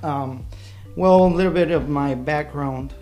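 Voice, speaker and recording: A man's voice: fairly high pitch, a little slow, mellow. A man from Mexico with a Mexican accent, a friendly interview guest who thinks aloud, with frequent ums and restarts. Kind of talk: casual interview.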